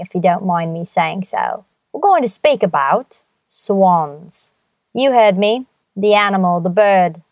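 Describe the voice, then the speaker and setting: A woman's voice: medium pitch, darkish tone, no room sound. A woman hosting her own podcast, talking in a playful, theatrical way with jokey asides. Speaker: podcast host. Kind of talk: chatty solo podcast monologue.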